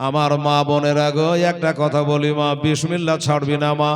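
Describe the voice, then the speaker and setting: A man's voice: fairly high pitch, completely flat delivery, fairly quick. A middle-aged man, preaching a sermon in a melodic, sing-song way, stretching phrases into a chant and addressing mothers and sisters. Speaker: Islamic preacher at a religious gathering.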